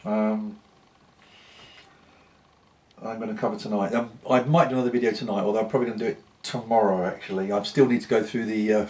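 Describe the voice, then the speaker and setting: A British man in a casual, unscripted vlog chat, talking in an unhurried, rambling way with pauses. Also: fairly low pitch, steady tone, a little mellow. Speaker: pipe-smoking vlogger.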